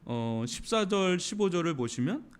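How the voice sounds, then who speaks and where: Male pastor, lively sermon, rising pitch, sudden shouted bursts then hushed lines. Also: moderate pace, smooth. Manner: animated, dramatic preaching with sudden loud outbursts and soft drops.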